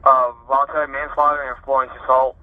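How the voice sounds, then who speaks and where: A man in his thirties from Ohio, a prison inmate calling on a prison phone and telling his story in a halting way, with many fillers and restarts. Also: mid-range voice, level tone, no echo. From Ohio, USA. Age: 30s. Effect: heard over a prison phone line. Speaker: prison inmate being interviewed. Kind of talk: candid personal account. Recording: tinny prison phone line.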